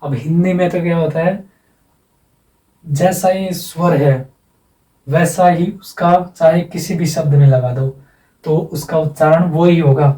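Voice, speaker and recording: Soft-toned man teaching in an echoey room. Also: on the high side, steady tone, unhurried, pauses often. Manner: patient, repetitive explaining, drawing out example sounds. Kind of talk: exam-prep lesson. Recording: echoey room, mic at a distance.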